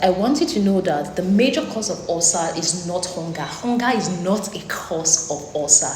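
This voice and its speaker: Chatty young nurse, low voice, echoey hall. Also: female voice, darkish tone. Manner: chatty, teasing presenter. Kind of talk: casual health explainer. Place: lecture room. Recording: echoey lecture hall with faint noise.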